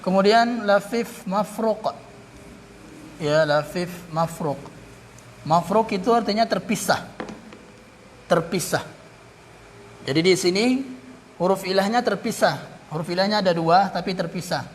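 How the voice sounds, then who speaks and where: Slow, deliberate male grammar teacher. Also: sits high, a little hiss or hum. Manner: repeats terms, pauses, corrects himself. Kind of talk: classroom grammar lesson.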